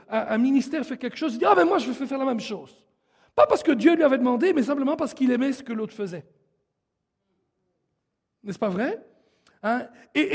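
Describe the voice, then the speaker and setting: A man's voice: very high voice, a little mellow. A man preaching a sermon in an emphatic way and leading the congregation, recorded in a church hall. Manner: emphatic, leads the congregation in song. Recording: long hall reverb.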